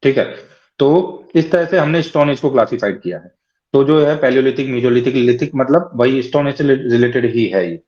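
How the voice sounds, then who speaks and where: A man's voice: medium pitch, fairly quick, darkish tone, highs cut off. A man teaching a class lecture, explaining step by step and often checking in with his listeners.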